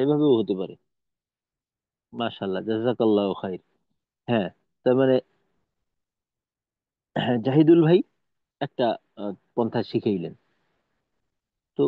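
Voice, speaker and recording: A man's voice: mid-range voice, dry recording. Man teaching over a tinny line. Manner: patient, explanatory, demonstrates sounds. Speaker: Quran recitation teacher. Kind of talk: online tajweed lesson. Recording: dry, tinny phone-like audio.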